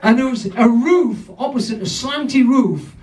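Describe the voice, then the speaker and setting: An older man from North East England compères a pub comedy night, doing sweary, rambling crowd work and often laughing at his own jokes. His voice is extremely high-pitched, at a moderate pace. The mic is distant and the crowd lively.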